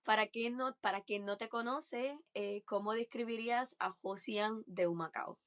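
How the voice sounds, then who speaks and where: A woman's voice: fairly high pitch, moderate pace, a bit bright. A woman with a Puerto Rican Caribbean Spanish accent, hosting a conversational podcast interview in an informal way. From Puerto Rico. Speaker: podcast host.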